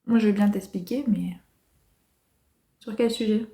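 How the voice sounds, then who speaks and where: A woman hosting a casual livestream, answering viewers' comments calmly and hesitating with many fillers. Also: mid-range voice, a little slow. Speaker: livestream host.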